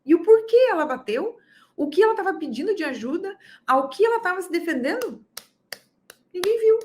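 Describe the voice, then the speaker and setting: A woman's voice: extremely high pitch, fairly quick. A woman teaching a course for parents, talking earnestly and directly to listeners and acting out parents' voices. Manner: animated, often acts out parents' voices. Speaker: parenting educator. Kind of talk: online course talk.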